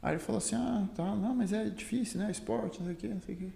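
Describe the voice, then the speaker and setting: Talking very fast in a high, gravelly, dark-toned voice, a Brazilian guest who fights and teaches Muay Thai spins a story in slangy, casual chat full of filler words. He has a Brazilian Portuguese accent, and the recording is roomy and echoey.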